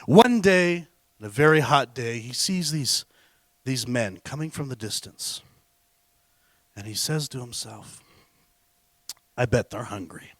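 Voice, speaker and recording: A man's voice: medium pitch, animated, measured pace, long pauses, dry recording. Dramatic male storyteller on stage. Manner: dramatic, swings between loud and hushed. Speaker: public speaker.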